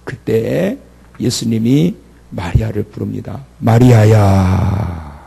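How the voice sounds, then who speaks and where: Gravelly-voiced man preaching a sermon. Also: medium pitch, animated, moderate pace, mellow. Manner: dramatic, acts out the speakers in the story. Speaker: pastor.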